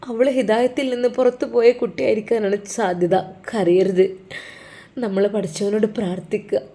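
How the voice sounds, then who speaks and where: A woman voicing a heartbroken older father, a religious teacher, who speaks in a gentle, sorrowful, consoling way. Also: medium pitch, fairly even intonation, moderate pace, natural voice.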